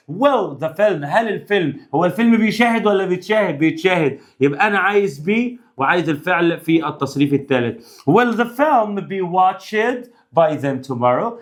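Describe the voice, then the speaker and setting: Egyptian guy teaching english grammar, high-pitched, joking with the kids. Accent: Egyptian Arabic. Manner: playful, talks to students directly. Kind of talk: exam revision lesson.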